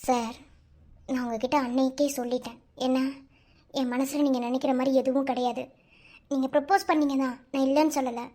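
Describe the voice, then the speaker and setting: Stern young office woman voiced by a performer, high and brisk, formal tone. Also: fairly even intonation, a little mellow, lightly acted. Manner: formal, firm. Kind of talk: animated cartoon voice acting.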